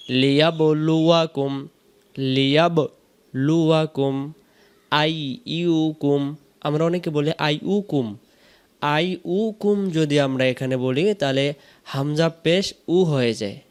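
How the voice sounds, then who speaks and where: Man teaching slow drawn-out recitation. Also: on the high side, smooth. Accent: Bangladeshi Bengali. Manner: chants verses slowly with long drawn-out vowels, then explains.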